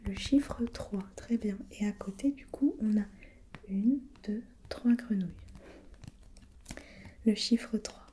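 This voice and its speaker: A woman playing a gentle, patient preschool teacher in a soft, breathy whispered role-play, encouraging and repeating softly. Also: mid-range voice, slow pace, long pauses, a little hiss or hum, natural voice.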